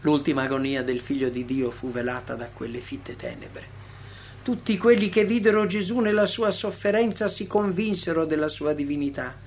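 A man reading a devotional text aloud as a narrator, solemn, with dramatic swells and hushed drops. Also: a little high, moderate pace, slight background noise.

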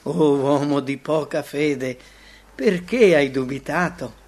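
A man voicing a compassionate adult master who speaks slowly and calmly, in a dramatic audio retelling. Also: a little high. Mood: gently reproving. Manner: slow, calm, reassuring.

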